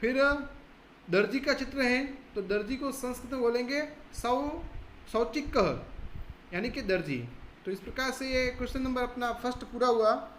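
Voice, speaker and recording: A male teacher, leading a school lesson step by step and slowly repeating each word for his students. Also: very high voice, fairly bright tone. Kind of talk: school lesson on a textbook chapter. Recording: echoey room, faint background hiss.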